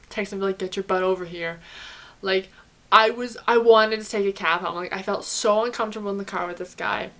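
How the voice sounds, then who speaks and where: A young woman vlogger telling a casual storytime, animated and chatty, with lots of "like" and frequent swearing. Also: mid-range voice. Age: young adult.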